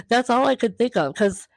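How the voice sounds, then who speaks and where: A woman hosting a podcast, telling a travel story casually and lively, acting out the voices of the people she met. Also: fairly high pitch, no echo. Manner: lively, acts out quoted voices. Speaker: podcast host.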